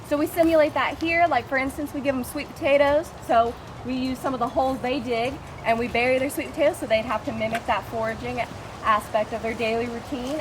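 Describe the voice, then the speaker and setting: A woman's voice: a little high, poor audio. A cheery, enthusiastic woman working as a zookeeper, explaining things casually to visitors. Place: outdoors at an animal habitat. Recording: clear outdoor ambient noise.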